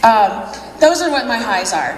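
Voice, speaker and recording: A woman's voice: fairly high pitch, sing-song, unhurried. Chatty woman speaking in an echoey hall. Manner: chatty, laughs often, acts out quotes. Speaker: convention speaker. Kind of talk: motivational speech. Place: large convention hall. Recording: echoey hall from a distant mic.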